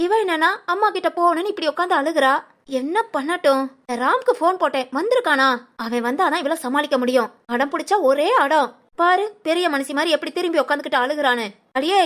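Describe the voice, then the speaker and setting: A woman voicing a fussing grandmother who scolds and coaxes in a sing-song way, for an animated family story. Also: sits high. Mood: worried. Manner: scolding, coaxing, sing-song village talk.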